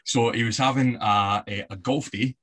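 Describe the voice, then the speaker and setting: A man's voice: mid-range voice, steady tone, moderate pace, a bit bright. A Scottish man from the west of Scotland, a podcast guest chatting casually and telling stories with easy fillers. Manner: chatty storyteller with fillers and laughs. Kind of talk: casual interview chat.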